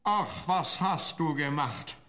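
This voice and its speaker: A man playing a gruff, scolding woodcutter father in a fairy-tale radio play. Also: a little high, animated, slow, sharp tone, exaggerated voice. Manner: scolding and grumbling.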